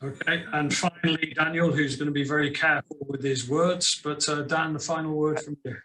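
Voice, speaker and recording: A man's voice: a little high, steady tone, brisk, sharp tone. A man hosting a panel on a video call, jokey, repeating words as he goes. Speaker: webinar host. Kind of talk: panel moderation.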